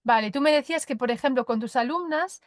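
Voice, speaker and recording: A woman hosting a podcast from her kitchen, welcoming and bright, who gives short listening sounds while her guest talks. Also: high voice, fast talker, no room sound, studio quality. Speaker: podcast host. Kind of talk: scripted intro then interview. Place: home kitchen.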